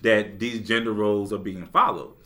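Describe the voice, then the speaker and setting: A man's voice: fairly low pitch, steady tone, normal speed, sharp tone. A young man co-hosting a podcast in casual chat, rambling with restarts and laughing often. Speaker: podcast co-host.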